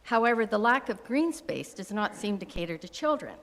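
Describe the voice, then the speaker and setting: A woman's voice: medium pitch, very animated, a little fast. A woman from Wasaga Beach in Ontario, Canada, making a chatty public comment at a council meeting, with restarts and asides. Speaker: resident speaking at public meeting. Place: council chamber. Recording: council chamber with long reverb.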